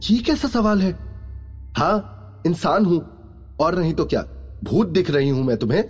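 A man's voice: on the high side, animated, unhurried, a little mellow, breathy edge, in a large hall, soft background music, voice pushed up. A man voicing a feisty, bossy young woman hotel guest in a spoken story, haughty and demanding. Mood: indignant.

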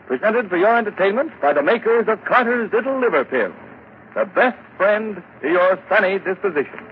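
An old-time radio announcer, a man with a notably high voice. He delivers formal, declamatory introductions and sponsor lines through a tinny, narrow-band, noisy vintage broadcast. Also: animated, normal speed.

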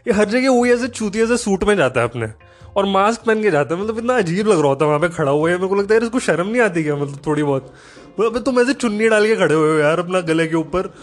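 High-voiced man in a sarcastic comedic rant. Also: fast. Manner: sarcastic, animated, profane.

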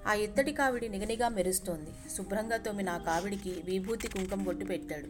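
A woman's voice: medium pitch, fairly quick, faint music behind. A woman storyteller in a polite, chatty narration that speaks directly to her listeners.

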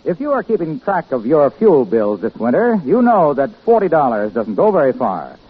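A man reading sponsor announcements in a smooth, formal announcer manner, heard from an old radio transcription disc. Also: fairly high pitch, sing-song, normal speed. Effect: old radio transcription disc sound. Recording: tinny lo-fi old broadcast with music.

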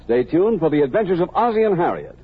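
A man's voice: on the high side, big pitch swings, fast, breathy edge. A man announcing sponsor messages and credits on a 1940s radio program. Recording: tinny old radio with music behind.

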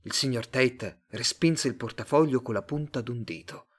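A man narrating a storybook in a measured, expressive reading voice. His delivery is steady and clear, pacing each sentence with care. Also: medium pitch. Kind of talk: audiobook narration.

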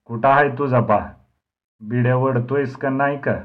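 A man's voice: medium pitch, steady tone, slow pace, phone-quality sound, lightly acted. A man voicing a pushy village boy who needles and demands answers. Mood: demanding.

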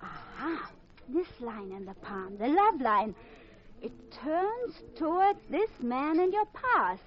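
High-voiced, coaxing fortune teller. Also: female voice, very animated, takes it slowly, full character voice. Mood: teasing, suggestive. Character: flirtatious exotic fortune teller at a waterfront bar. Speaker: actress in a radio detective drama. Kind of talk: 1950s radio drama acting. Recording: muffled old radio recording with music.

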